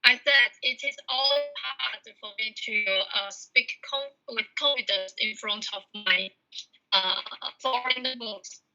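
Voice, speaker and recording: Hesitant woman with a bright voice. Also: on the high side, steady tone, low-quality recording. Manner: hesitant, halting, searching for words. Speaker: English student and guest. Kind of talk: casual chat.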